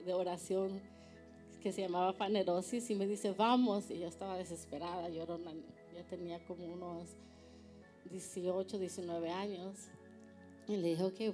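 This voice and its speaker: A woman's voice: medium pitch, warm tone. A woman sharing an earnest personal testimony at a church panel, often ending phrases with a tag question. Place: church service.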